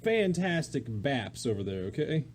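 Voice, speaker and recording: A man's voice: mid-range voice, big pitch swings, measured pace, a little hiss or hum. A young man co-hosting a casual podcast chat, joking and laughing a lot. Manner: goofy, laughing, absurd jokes. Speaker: podcast co-host.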